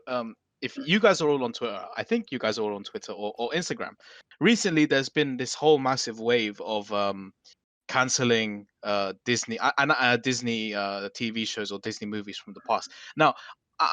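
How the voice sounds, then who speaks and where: A man hosting a casual podcast chat, talking in an animated way with frequent swearing and restarts. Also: medium pitch, no room sound.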